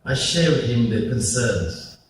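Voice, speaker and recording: A man from Malaysia, giving an emphatic public speech with pauses at a conference. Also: medium pitch, animated. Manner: slow, emphatic oratory with pauses. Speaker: conference speaker, politician. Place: large conference hall. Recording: echoey hall, distant mic, faint noise.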